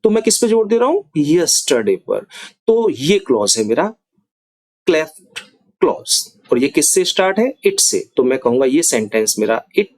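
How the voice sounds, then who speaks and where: Animated Hindi-speaking grammar teacher, man. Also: on the high side, no echo. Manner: animated, emphatic, chatty with asides; says English example sentences slowly.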